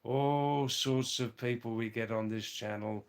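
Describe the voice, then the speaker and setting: Live-streaming from a hill village, a hoarse man reads out viewers' comments and greets them by name. He speaks haltingly, with lots of fillers, in a steady mid-range voice.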